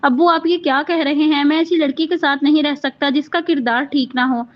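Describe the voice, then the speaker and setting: Cast note: a woman voicing an angry young husband, harsh and accusing, high bright voice, dull lo-fi audio. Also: fairly even intonation, a little fast, natural voice.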